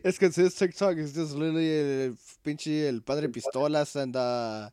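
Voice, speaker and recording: A man's voice: fairly high pitch, normal speed, crowd noise. A young man co-hosting a casual chat, swearing constantly and dropping Spanish phrases into his English, laughing often. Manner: profane, slangy, mixing in Spanish phrases. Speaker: podcast co-host.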